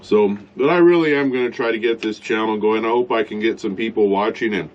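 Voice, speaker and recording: A man's voice: fairly low pitch, fairly quick, highs cut off, slight background noise. A man rambling bluntly in a casual vlog from inside his truck at a campsite, eating as he talks. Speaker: vlogger.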